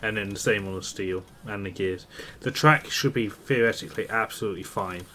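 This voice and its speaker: A man's voice: lowish voice, brisk, sharp tone. A man streaming a multiplayer game with casual commentary, upbeat when he thanks viewers. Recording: clear background noise.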